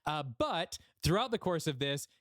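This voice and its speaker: A man's voice: a little high, expressive, moderate pace, fairly bright tone, no room sound. Man casually recapping a story, dry sound. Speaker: podcast host.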